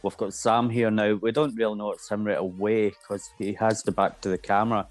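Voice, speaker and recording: A man co-hosting a casual pop-culture podcast, musing aloud with frequent pauses and restarts. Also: on the low side, level tone. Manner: hesitant, lots of um and restarts while musing. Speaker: podcast co-host.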